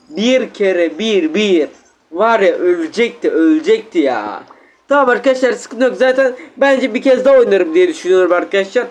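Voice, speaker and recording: A high-pitched man calls out his gameplay at home in a rush of exclamations, his throat sore and catching on a cough. He keeps turning to his viewers as friends. Faint noise sits under the voice. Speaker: gaming YouTuber. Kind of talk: excited gameplay commentary.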